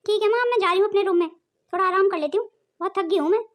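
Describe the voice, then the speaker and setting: A woman's voice: very high voice, rapid-fire. A woman voicing a spoiled, demanding young married daughter in a cartoon. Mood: aggrieved. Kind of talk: cartoon voice acting.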